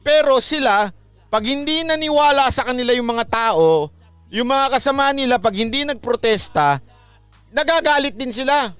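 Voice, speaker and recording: A man with a notably high voice hosts his own vlog and rambles through political commentary. He slips into sing-song, mocking asides as he goes. Soft music plays faintly behind him. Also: animated, moderate pace, clean tone, no echo. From Philippines. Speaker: vlog host.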